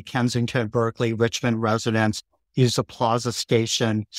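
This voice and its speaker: A middle-aged man from the Bay Area, a city councilmember speaking as a guest in an interview, explaining things in a steady, informative way. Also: medium pitch, no room sound, studio quality. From San Francisco Bay Area, California. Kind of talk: interview conversation.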